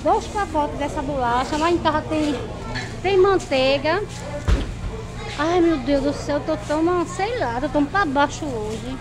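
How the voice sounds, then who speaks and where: High-voiced woman vlogging with a phone. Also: expressive, unhurried. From Brazil. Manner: chatty, addresses viewers directly. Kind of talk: casual vlog commentary. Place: supermarket, then busy outdoor street market. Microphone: phone held at arm's length. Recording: busy crowd noise behind.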